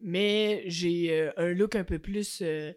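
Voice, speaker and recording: A young woman with a Québécois accent chatting casually, often restarting and filling pauses. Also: lowish voice. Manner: hesitant, many restarts and fillers. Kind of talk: casual chat.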